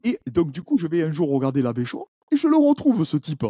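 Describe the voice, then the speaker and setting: Male podcast guest, YouTuber; very dark, breathy-edged voice, dry close sound, animated storyteller. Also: on the high side, a little fast, no room sound. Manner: animated storytelling with many restarts. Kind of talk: casual podcast chat.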